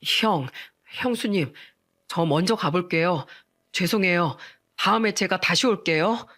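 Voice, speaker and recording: An earnest young husband, as a female storyteller plays him, caught between his wife and his family. He sounds apologetic and a little slow, heard as if from a step back in this storybook reading. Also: fairly low pitch, a bit bright. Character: young married man, pleading younger brother-in-law.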